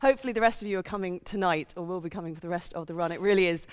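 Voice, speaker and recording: A woman's voice: fairly low pitch, rapid-fire, darkish tone, clear, resonant tone. A woman hosting an onstage interview in a theatre, speaking as an enthusiastic presenter. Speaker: interview host. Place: large theatre stage.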